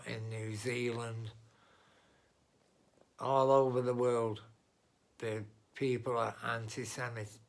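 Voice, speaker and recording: A vlogger with a medium-pitched voice and vocal fry delivers a blunt, rambling political monologue straight to his viewers. It's unscripted, full of restarts and asides.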